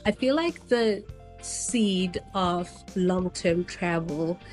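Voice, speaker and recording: A woman's voice: on the low side, very slow, a little mellow, soft background music. A woman from Zimbabwe, around her thirties, chatting casually to camera as a travel vlogger, meandering with frequent ums. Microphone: new personal microphone set.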